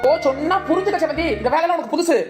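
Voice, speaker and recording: Woman voicing a calm young village man. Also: high-pitched, racing, music in the background. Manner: reasoning and soothing.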